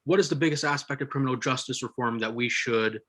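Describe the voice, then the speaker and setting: A man's voice: mid-range voice, fast talker, a bit bright. A man asking questions as an interviewer in a conversational style.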